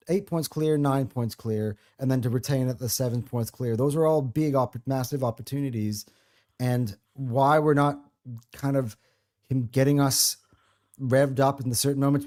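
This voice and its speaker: A man with a mid-range, darkish voice hosts a casual football podcast, speaking with passion and wandering through frequent restarts.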